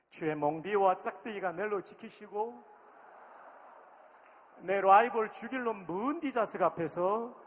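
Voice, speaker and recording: A man putting on a strong Gyeongsang dialect to recite a psalm as a blunt, plain-spoken local man, with an emphatic folksy delivery. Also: high voice. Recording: long hall reverb.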